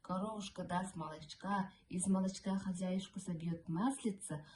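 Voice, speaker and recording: A woman's voice: fairly low pitch, fairly even intonation, normal speed, a little mellow, slight background noise, natural voice. A woman voicing an anxious, coaxing little mother hen in a folk tale, pleading urgently. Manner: urgent, coaxing repeated pleas.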